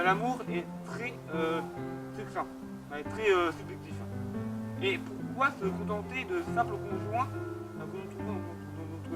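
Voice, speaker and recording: This young man's voice sits high as he hosts a laid-back literature explainer, full of hesitations and jokes at his own expense. Clear background music plays underneath, and the recording is low quality.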